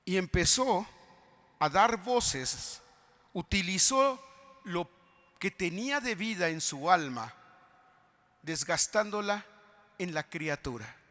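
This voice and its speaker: A man preaching a fervent sermon as pastor, swinging from quiet appeals to loud shouted cries. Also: sits high, animated, slow, pauses often. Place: large convention hall. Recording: long hall reverb.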